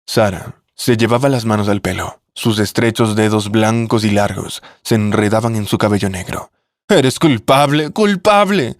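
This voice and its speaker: A man narrating a family drama story in a steady, measured way. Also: fairly low pitch, no room sound, clean studio sound.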